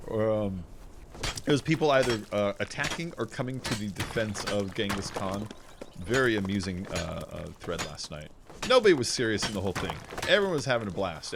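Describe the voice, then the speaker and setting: Male streamer in his forties, lively up-and-down delivery, rambling and joking, faint hiss under the voice. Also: lowish voice. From United States. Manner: rambling, jokey, laughs often. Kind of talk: casual chat while gaming.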